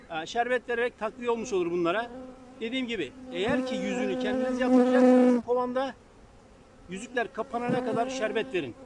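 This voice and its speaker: Out in an open field by the beehives, a high-voiced male beekeeper gives a casual how-to lesson, practical and friendly toward viewers while musing aloud as he works. A far-off tripod camera picks him up along with faint field noise and buzzing bees.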